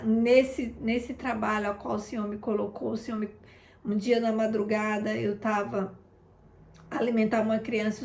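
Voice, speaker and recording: A woman shares an informal testimony of faith, speaking in a fairly high voice with a gravelly, fry-touched edge. She keeps talking straight to her listeners, and the sound carries a roomy echo. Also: a little hiss or hum. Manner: chatty, keeps addressing listeners, re-enacts conversations. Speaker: intercessor sharing a testimony. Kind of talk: informal testimony in a prayer broadcast.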